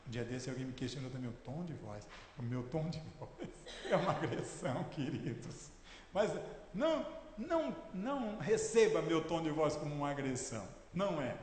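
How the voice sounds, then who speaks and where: Pastor, 60s, male, high register, emphatic and forceful; echoey church hall recording. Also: big pitch swings, moderate pace, slight background noise. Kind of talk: sermon.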